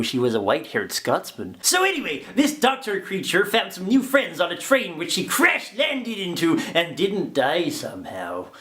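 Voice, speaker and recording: A man playing a manic, childlike male hobo who reviews a show and swings between shouting and mopey mumbling. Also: fairly high pitch. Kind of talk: comedy review in character.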